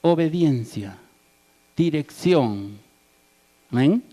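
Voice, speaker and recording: Very slow but lively in intonation, a male preacher with a warm, fairly high voice addresses his congregation. He asks them rhetorical questions and tags his points with "¿verdad?" and "amén" — "right?" and "amen."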